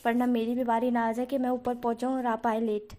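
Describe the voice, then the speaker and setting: A woman's voice: on the high side, little pitch movement, fairly quick, warm tone, natural voice. A woman voicing an anxious male henchman who urgently pleads with his boss on the phone. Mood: pleading.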